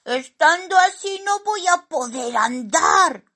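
A woman voicing a tiny, greedy and excitable male forest creature in a storybook reading, with squealing, gleeful exclamations. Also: extremely high pitch, slow, pitched above the performer's own voice, heavily acted. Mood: whiny. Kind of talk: storybook narration.

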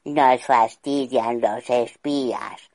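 A woman voicing a gruff, mocking gnome king in a storybook, slow and commanding. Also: very deep voice, a little mellow, no echo, full character voice.

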